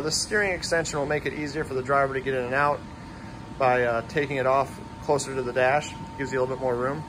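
A man who owns a fabrication shop, casually narrating a walkthrough of his projects, talking plainly with many pauses and fillers. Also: a little high, noisy background. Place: large metal fabrication shop.

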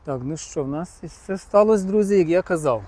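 A man's voice: high-pitched, animated, fairly quick, mellow. A man chatting casually to his viewers as he inspects used cars outdoors at a car market. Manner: chatty, addresses viewers directly as friends.

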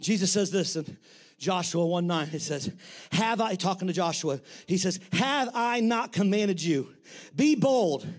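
A middle-aged man preaching a sermon as pastor, blunt and colloquial, often shouting. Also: sits high, normal speed.

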